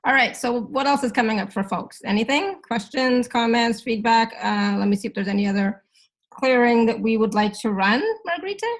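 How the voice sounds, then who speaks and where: A woman's voice: a little high, moderate pace. A woman from India who grew up in Canada, leading a workshop in a chatty, easygoing way with frequent "right?" asides. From India, raised in Canada. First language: Hindi. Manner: chatty, laughs often, says "right?" a lot. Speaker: facilitator leading clearings. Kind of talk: casual workshop talk in English.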